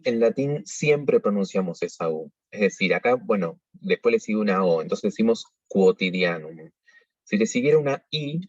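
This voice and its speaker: A man teaching pronunciation in a measured, explanatory way, pausing often to think. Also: lowish voice, a little mellow, breathy edge, no room sound. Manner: measured, explanatory, with frequent hesitations. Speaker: liturgical singing workshop teacher. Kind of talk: pronunciation tutorial. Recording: dull lo-fi recording.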